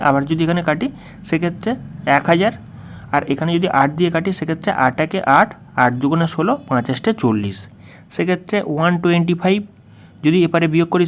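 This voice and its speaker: In this worked-solution lesson, a man with a somewhat high-pitched voice tutors his way through exam questions, breaking down each step. He repeatedly prompts the student for the next move, with slight noise in the background.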